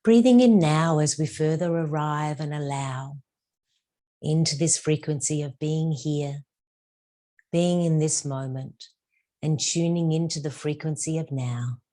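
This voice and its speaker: In this guided meditation, a woman speaks as a spiritual teacher, her pitch low and her manner soft and calming. She lingers on her phrases and lets some words fall to a hushed whisper.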